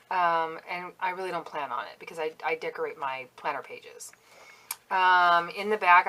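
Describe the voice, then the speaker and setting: Woman, lowish voice, casual show-and-tell, chatty, self-critical, filler-heavy. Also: fairly bright tone, a little hiss or hum, low-quality recording. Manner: chatty, self-critical, full of ums and asides. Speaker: planner crafter vlogger.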